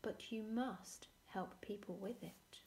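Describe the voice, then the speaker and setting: A woman voicing a mysterious, kindly old man in a read-aloud storybook, speaking in a soft whisper. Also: medium pitch, slow, distant mic, background noise.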